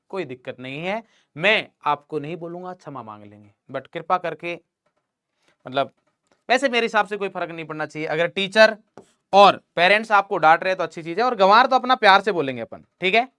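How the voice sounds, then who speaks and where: A man's voice: high voice, animated, moderate pace, pushed and bright, clean tone, dry recording, clean studio sound. A young man teaching chemistry in an online class, teasing and joking with his students. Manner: playful teasing, talks to students as "beta".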